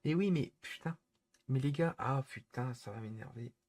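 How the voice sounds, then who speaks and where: A man's voice: medium pitch, normal speed, darkish tone. A man streaming live, scolding his chat in an exasperated, repetitive rant.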